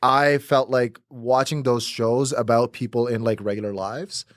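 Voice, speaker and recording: A young Pakistani man whose first language is Urdu speaks casually as a podcast guest in a conversational interview, restarting often and using many fillers. His medium-pitched voice is steady in tone at a measured pace, recorded at studio quality with no room sound.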